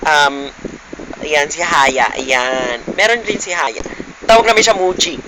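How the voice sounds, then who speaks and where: A man's voice: a little high, takes it slowly, crowd noise, rough recording. A young man vlogging casually, teasing his friends playfully with frequent giggles. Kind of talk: casual vlog chat.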